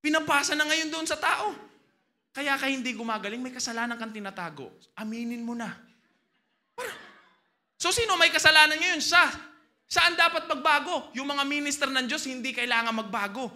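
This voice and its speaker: A man with a Filipino accent preaching a sermon as pastor, swinging from loud exclamations to hushed asides. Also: very high voice, expressive, a little fast.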